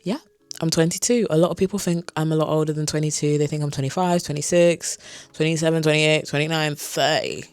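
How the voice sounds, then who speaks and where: A woman's voice: sits low, fairly even intonation, fairly quick, a little mellow, clear, resonant tone, dry recording. A woman in her twenties from South London, with an accent mixing London and Kent, answering viewer questions in a casual vlog from her bedroom, chatty and candid with frequent asides. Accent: London and Kent mix. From South London, England. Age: 20s. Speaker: vlogger. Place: her bedroom, sitting on a beanbag chair. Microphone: camera in front of her.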